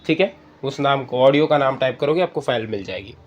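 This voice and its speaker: This male tutorial host has a medium-pitched, expressive voice and a brisk delivery as he guides friends, as he calls his viewers, through a screen-reader app step by step. The recording's highs are cut off.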